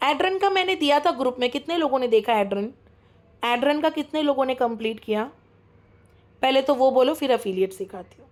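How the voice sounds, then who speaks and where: A woman's voice: high voice, lively intonation. A young woman teaching a live online class, chatty and encouraging, mixing English into her speech and often checking that students are following. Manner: talks fast, keeps checking students follow. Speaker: online course mentor.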